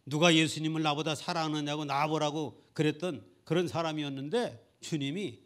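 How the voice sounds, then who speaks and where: A middle-aged male pastor preaching a sermon at a Sunday church service, telling a personal story earnestly and building to loud, fervent peaks. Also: fairly high pitch, fairly even intonation, normal speed.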